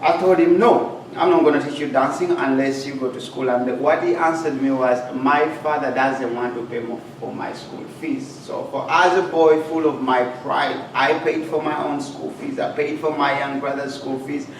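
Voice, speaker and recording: Gravelly Ugandan man telling his story. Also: medium pitch, steady tone. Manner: earnest, plain-spoken storytelling with pauses. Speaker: guest speaker. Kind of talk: personal life story talk. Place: club meeting room. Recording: echoey hall, far from mic, noisy.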